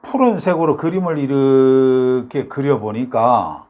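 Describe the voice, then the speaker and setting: A man's voice: medium pitch, animated, takes it slowly, darkish tone, dull audio. An older man with a Gyeongsang Korean accent, talking casually to his viewers in a rambling way, with many fillers and rhetorical questions. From South Korea, North Gyeongsang. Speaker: YouTube talk host.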